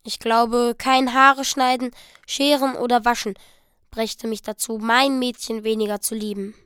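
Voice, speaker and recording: A woman reading the part of a young husband, speaking slowly, haltingly and earnestly. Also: a little high, flat delivery, a bit bright, clean tone, no echo, clean studio sound. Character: young husband, stunned and slow-spoken.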